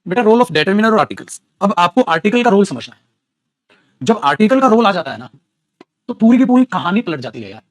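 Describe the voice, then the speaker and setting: Animated male tutor with lively high voice. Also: brisk, no echo, studio quality. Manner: animated, teasing, calls students beta. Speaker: English grammar teacher. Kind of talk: classroom grammar lesson in Hindi.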